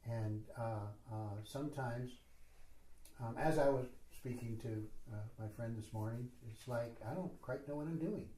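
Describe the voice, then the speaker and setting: A man's voice: medium pitch, normal speed, warm tone. A man leading a spiritual retreat session, talking informally and rambling with many fillers and self-deprecating asides. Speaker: retreat teacher. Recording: roomy echo.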